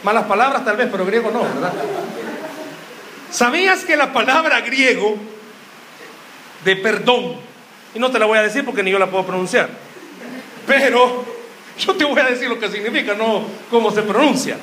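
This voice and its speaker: A young man preaching, his voice pitched high and cutting, as he teases the congregation and keeps firing questions at them. The sound rings around a roomy church hall. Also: lively intonation, normal speed, pauses often, bright, forceful tone, slight background noise. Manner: joking, quizzes the crowd with questions. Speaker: youth preacher. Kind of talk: sermon.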